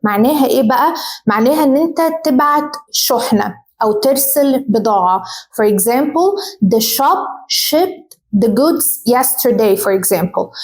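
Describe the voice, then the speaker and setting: A young woman with an Egyptian Arabic accent teaching English vocabulary in a vlog-style lesson, switching to slow, careful English for example sentences and repeating them. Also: a little high, low-quality recording.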